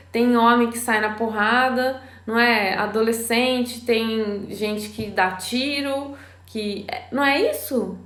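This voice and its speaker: A Brazilian woman with a Brazilian Portuguese accent speaks on a live stream, a parenting educator addressing parents directly. Her voice sits fairly high, and she keeps it animated with rhetorical questions. The room gives her voice a noticeable echo.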